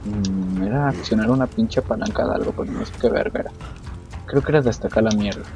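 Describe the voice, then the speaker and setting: A man's voice: on the low side, brisk, over music. A man with a Mexican accent giving crude, joking let's-play commentary while he plays. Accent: Mexican Spanish. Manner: crude, profane, joking banter. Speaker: gamer streamer.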